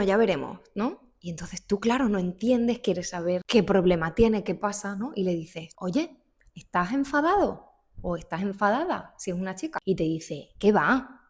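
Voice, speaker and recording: Casting: woman, 30s, Spain Spanish accent, chatty teacher on camera, laughs easily, acts out little exchanges. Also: medium pitch. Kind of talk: casual video lesson.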